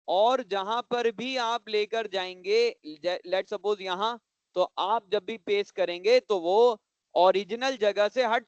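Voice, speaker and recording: High-voiced male computer teacher. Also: clean tone, no echo, dull audio. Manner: often checks if the class understands; repeats points slowly and patiently. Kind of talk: classroom lesson for children.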